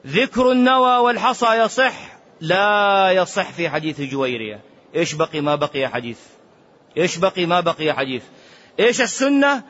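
A man giving a religious lecture, animated and emphatic. He chants quoted sayings in a drawn-out sing-song, breaks into colloquial rhetorical questions and repetitions, and drops to low muttered asides. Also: slight background noise. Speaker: Islamic scholar giving fatwas. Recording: dull lo-fi lecture recording.

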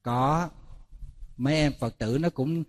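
A man's voice: mid-range voice, slow pace. A man, a Buddhist monk giving a sermon to a lay audience, telling stories, acting out dialogues and asking rhetorical questions. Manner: lively storytelling, acting out dialogues with listeners.

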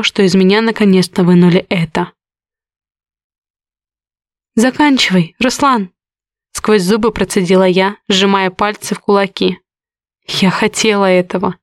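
A woman narrating a romance audiobook in the first person, with steady, intimate storytelling. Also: medium pitch, clear, resonant tone, dry recording, studio quality.

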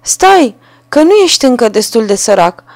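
A woman's voice: very animated, darkish tone, no echo. A woman voicing a spiteful, vengeful little sparrow that jeers at a man in a storybook reading. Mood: taunting. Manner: shrill, jeering taunts.

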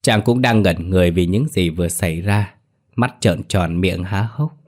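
A man narrates a comic audiobook story. His voice sits fairly low, and his delivery is lively as he moves in and out of character voices. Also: moderate pace.

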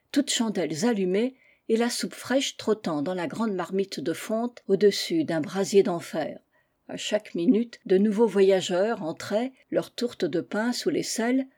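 A woman narrates a classic literary tale in a calm, measured audiobook reading. Her tone is mellow and warm, and her pitch is average. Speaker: audiobook reader.

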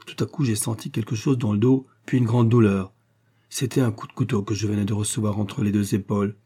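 A man voicing an eager, lively young man from the city, wounded and bedridden, in an audiobook. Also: fairly low pitch, a little fast, breathy edge. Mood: urgent.

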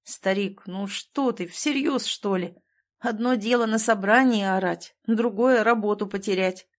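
A woman's voice: medium pitch, a little slow, natural voice. Woman doing a defensive guy pushing forty, grumbly and placating, audiobook. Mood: grumbling. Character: man nearly forty, cautious, defensive office worker.

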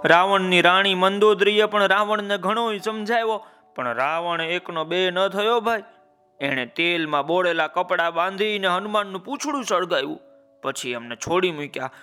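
A man's voice: sits high, normal speed, sharp tone, smooth. A man narrating a children's story, calling out to his listeners with folksy asides.

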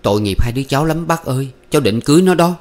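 A man putting on a jittery young man with a noticeably raised voice. He stammers and hesitates, then rushes his pleas, with an anxious, pleading tone throughout in this audiobook tale. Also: medium pitch, pitched above the performer's own voice, close to an everyday voice. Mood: eager.

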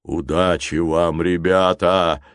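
Brief: man doing a huge good-hearted giant, gruff and commanding, storybook reading, dry close sound. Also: deep voice, steady tone, takes it slowly, no room sound, pitched below the performer's own voice. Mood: farewell. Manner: urgent commanding shouts. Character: huge kindly male giant, gruff and urgent.

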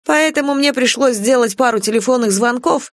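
A woman voicing a skinny, suspicious male detective who talks in a taunting, threatening way, pitched higher. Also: a little fast, dry recording, studio quality, close to an everyday voice.

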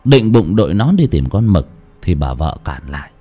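A man reading a story aloud as an audiobook narrator, in an expressive, dramatic way. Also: low voice, moderate pace, husky, faint music behind.

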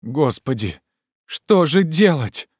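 A man voicing an excitable, feverish gentleman who shouts with loud urgency. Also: a little high, takes it slowly, breathy edge, dry recording, studio quality, voice pushed up, exaggerated voice. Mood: agitated shouting.

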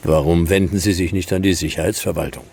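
An actor plays a world-weary, wry private detective in a futuristic noir radio crime drama, handling both first-person narration and dialogue. His low, gravelly male voice moves quickly in clipped, laconic, deadpan sentences with a dry edge. There's a little hiss or hum.

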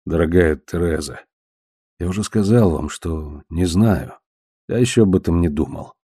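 A man reading the part of a calm, ironic man who speaks softly and slowly in an audiobook. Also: low voice, breathy edge, dry recording, clean studio sound, pitched below the performer's own voice. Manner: soft and slow-spoken. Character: calm ironic man, gentle, quietly menacing.

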